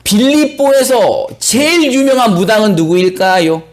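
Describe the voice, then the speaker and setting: A male pastor preaching a sermon and reading scripture, telling the story with animated, acted-out flair. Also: sits high, moderate pace. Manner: animated storytelling, acts out biblical characters.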